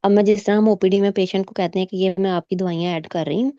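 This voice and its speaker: A woman's voice: medium pitch, fast, no room sound. Dull lo-fi call, woman recounting. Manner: animated retelling, quoting examiners and herself; mixes English medical terms into her talk. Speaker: exam candidate sharing her experience. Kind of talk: casual storytelling in a recorded meet.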